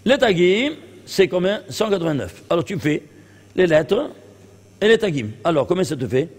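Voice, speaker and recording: A man teaching as a rabbi, giving a lively classroom lecture and quizzing his listeners with rhetorical questions. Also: high-pitched, moderate pace. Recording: long hall reverb.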